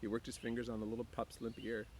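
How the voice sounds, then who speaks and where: A man speaks fast with a completely flat delivery, his medium-pitched voice a little mellow. In an easygoing teacher's style, he chats with students and reads them a book outdoors near the woods, often clearing his throat while outdoor background noise comes through clearly.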